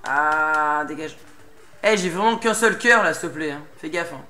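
A man's voice: a little high, moderate pace, sharp tone. A young man doing casual commentary while playing a game, getting worked up, pleading with and swearing at a boss. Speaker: let's play gamer. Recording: game music behind the voice.

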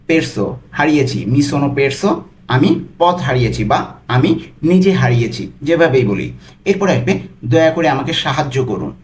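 A man teaching travel phrases as a tutor, saying each one slowly and then explaining it word by word. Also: fairly high pitch, darkish tone. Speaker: language tutor. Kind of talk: language lesson.

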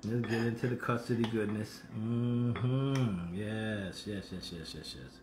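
A man's voice: fairly low pitch, slow, noisy background. A man in his fifties hosting a casual live cooking show from his home kitchen, playful and humming over his food. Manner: animated, playful, savoring food aloud with hums. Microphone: phone camera on the counter. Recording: echoey kitchen room.

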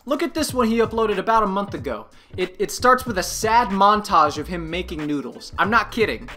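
A woman's voice: medium pitch, expressive, brisk, sharp tone, faint music behind. A woman hosting a commentary video, talking in a sarcastic, mocking, exasperated way. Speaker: commentary youtuber host.

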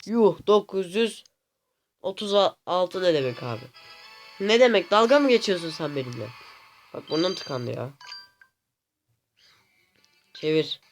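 A man hosting a gaming channel, commenting casually on his gameplay to viewers, often exasperated and complaining out loud at the game. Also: high-pitched, very animated, a little slow, long pauses, soft background music. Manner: talks to viewers directly.

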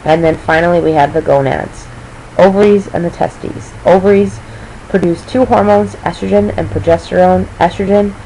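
Low-voiced woman teacher, losing her voice. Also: fairly even intonation, moderate pace, warm tone, slight background noise, rough recording. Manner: explanatory, checks in with "okay?". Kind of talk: recorded lecture review.

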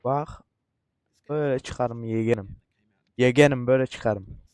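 Man, let's-play commentary, cursing outbursts, keeps telling himself to calm down, dry close recording. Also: medium pitch, a little slow, smooth, no echo. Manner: frustrated, cursing, coaching himself to stay calm; repetitive outbursts. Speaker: gaming YouTuber.

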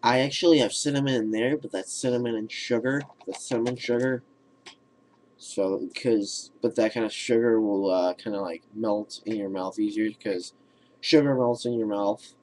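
A teenage boy chatting casually to a webcam at home in a hesitant, halting way. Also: lowish voice, fairly even intonation, darkish tone. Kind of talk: casual vlog chat. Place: room at home, indoors. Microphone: webcam at arm's length. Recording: faint noise and clicks, webcam audio.

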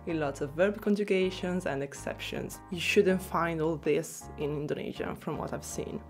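A young woman with an Italian accent, talking casually to camera in a small room about learning a language, expressive and quick to laugh. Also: fairly low pitch, faint music behind. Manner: chatty, expressive, laughs easily.

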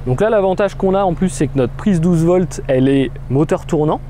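A man in his thirties with a fairly high, mellow voice demonstrates equipment outdoors next to a car at a moderate pace. It's a casual product demo, chatty and full of fillers, with a little hiss or hum.

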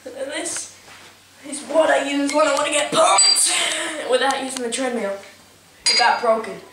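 A young woman giving a comedic mock tour of a house, boasting deadpan with sudden yelps, filmed indoors on a home camera from a distance. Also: high-pitched, normal speed. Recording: echoey room, distant mic, noisy home video.

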